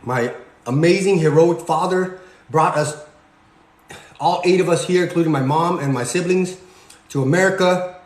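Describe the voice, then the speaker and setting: A man in his forties, born in Cambodia, lectures his viewers in a home kitchen while he cooks. His voice sits a little high for a man, and the room gives it a clear echo. He talks in a preachy way and keeps checking in with "okay?". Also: normal speed, pauses often. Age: 40s. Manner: preachy, repeats "okay?" and "you guys". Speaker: fitness vlogger. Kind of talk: motivational talk while cooking.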